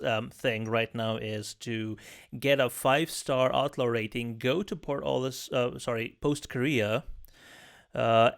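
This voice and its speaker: Guy on a gaming podcast, mid pitch, lots of ums, casual chat. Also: a bit bright, clean tone. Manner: hesitant, many ums and restarts. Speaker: podcast co-host.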